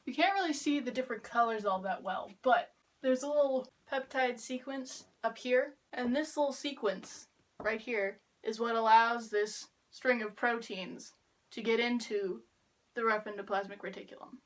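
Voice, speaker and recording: Teenage girl, student explainer, sarcastic deadpan asides, a bit high-pitched. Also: moderate pace, rough recording. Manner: wry, deadpan humor. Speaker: student making a class video. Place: kneeling on the ground drawing with chalk.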